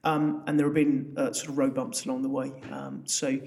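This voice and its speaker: A man's voice: mid-range voice, level tone, normal speed, creaky, a little mellow. A man with an Essex accent giving chatty, emphatic interview answers as a business founder, often repeating words. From Essex, England. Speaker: business founder, podcast guest.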